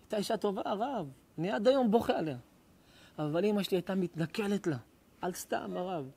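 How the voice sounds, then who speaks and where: A middle-aged man, a rabbi, giving an emotional sermon full of stories, swinging between loud cries and hushed tones. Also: sits high, gravelly, breathy edge. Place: live lecture before an audience.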